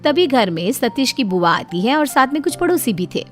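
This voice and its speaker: A woman giving steady, scripted narration for a cartoon moral story. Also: a little high, moderate pace, soft background music.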